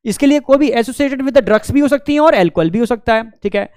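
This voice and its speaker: Guy teacher with a really high smooth voice, chatty, keeps checking you follow, dry close sound. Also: expressive, brisk, a little mellow, dry recording. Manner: chatty, keeps asking "ठीक है?", acts out friends' quotes. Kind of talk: casual Hindi biology lecture.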